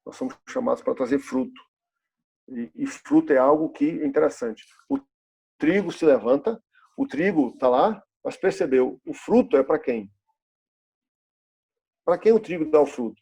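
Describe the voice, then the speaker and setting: A man's voice: fairly high pitch, very animated, normal speed, creaky, pauses often, dark tone, husky. A pastor in his fifties preaching a sermon in a church, asking the congregation rhetorical questions and repeating key phrases. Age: 50s.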